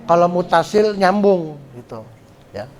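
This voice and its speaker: A man teaching Quran recitation rules at a study gathering, explaining patiently and chanting drawn-out syllables to show pronunciation. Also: sits high, animated, soft background music. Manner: slow, patient explaining with frequent "ya" check-ins. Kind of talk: tajwid lesson at a religious study gathering.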